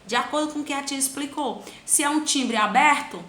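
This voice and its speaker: Bright, animated woman teaching grammar. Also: high-pitched, roomy sound, a little hiss or hum. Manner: stretches syllables slowly to demonstrate stress; plays both teacher and pupil asking questions. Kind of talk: children's grammar lesson.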